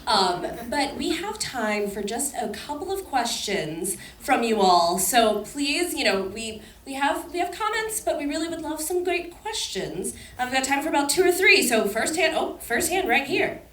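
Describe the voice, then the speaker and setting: A woman's voice: sits high, big pitch swings, moderate pace, hardly any pauses, fairly bright tone. A woman moderating a screening Q&A who teases the guest playfully and takes questions from the audience. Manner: playful, teasing, organizes questions. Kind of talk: hosting a Q&A. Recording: echoey hall, distant mic, audience noise.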